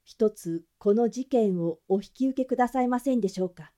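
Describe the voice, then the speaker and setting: A woman's voice: on the high side, brisk, warm tone, natural voice. A woman voicing a polite, deferential male servant making an earnest request.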